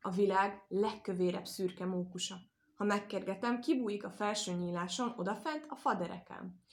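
Sly, quick-witted storybook hare read by a woman, teasing and cheeky. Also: mid-range voice, natural voice. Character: clever teasing male hare.

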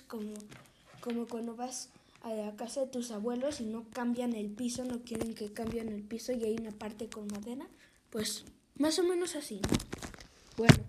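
A woman's voice: a little high, noisy background. A woman telling an improvised horror story, rambling and correcting herself, often dropping to a whisper.

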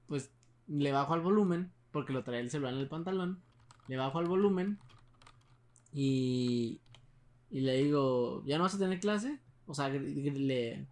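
A young man with a Mexican accent tells a spooky story to a friend, rambling and full of slang. He restarts his sentences often. His voice sits a little high for a man. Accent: Mexican Spanish. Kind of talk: casual chat, telling a ghost story.

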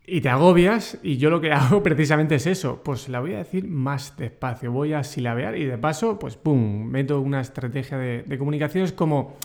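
A man's voice: fairly high pitch, brisk, few pauses, darkish tone. A man hosting a podcast interview, asking questions in a conversational, hesitant way with a ready laugh. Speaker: podcast host.

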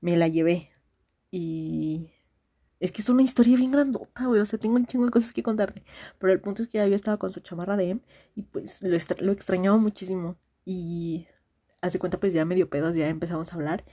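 A husky, low-pitched Mexican woman in her twenties spills a long story to a friend in a voice message. Her tone is mellow and warm. She rambles in slang, restarting her sentences and piling on fillers. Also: a little fast. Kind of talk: casual confiding story.

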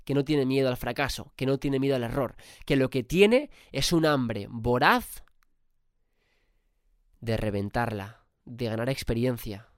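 A man's voice: medium pitch, measured pace, no room sound, clean studio sound. Spanish man with a cold, motivating. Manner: emphatic, casual swearing. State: has a cold. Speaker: podcast host. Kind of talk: motivational podcast monologue.

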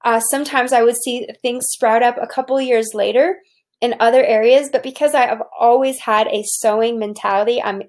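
A woman's voice: fairly high pitch, steady tone, moderate pace, darkish tone. A woman who runs a soap business gives an earnest, preachy motivational talk about profit and faith, often restarting her sentences.

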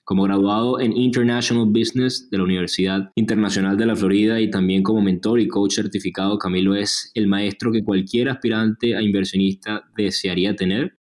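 A man's voice, pitched a little low, opens the podcast. He reads a formal introduction of his guest and then asks questions as host. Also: a little mellow. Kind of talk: scripted introduction and interview questions.

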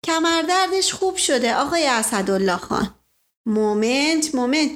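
A woman's voice: sits high, expressive, pitched above the performer's own voice. A woman voicing a flirtatious, blustering middle-aged nobleman who talks theatrically and keeps exclaiming "momento". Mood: scheming.

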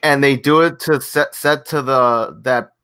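A man's voice: mid-range voice, a little slow, clean tone. A man co-hosting a casual podcast, ranting and telling stories with plenty of swearing. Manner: ranting, profane, animated storytelling. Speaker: podcast co-host.

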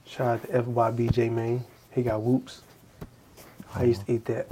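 A man's voice: medium pitch, moderate pace, slight background noise. A young man hosting a podcast, chatting casually and acting out old conversations as he tells stories. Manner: animated storytelling, acting out past conversations. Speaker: podcast host. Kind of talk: casual chat.

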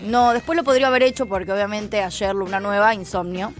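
A young woman with an Argentine Rioplatense accent co-hosting a radio show, speaking softly in a laid-back, sleepy way. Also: medium pitch, steady tone, a little fast, faint music behind. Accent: Rioplatense Spanish. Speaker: radio co-host. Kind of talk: casual radio banter.

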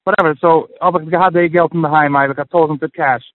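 Male interview guest, higher-pitched, hesitant with lots of restarts and English mixed in, phone-line quality. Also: steady tone, no room sound. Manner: halting, many restarts, mixes in English phrases. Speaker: guest sharing his personal budgeting story. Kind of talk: casual interview chat.

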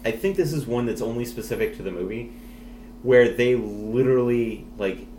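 A man with a mid-pitched voice talks hesitantly, breaking off and starting his sentences over as he chats about a film. He sounds like he is in an echoey room, with a faint hum and hiss behind him. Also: normal speed, warm tone. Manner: hesitant, many fillers and restarts. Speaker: podcast co-host. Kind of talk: casual movie chat.

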